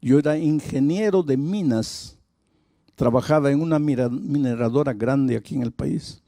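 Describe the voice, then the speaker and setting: A man's voice: medium pitch, moderate pace, dark tone, no echo, studio quality, natural voice. A male pastor speaking in the first person as a remorseful former drunk man confessing his past. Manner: confessional, heavy with guilt.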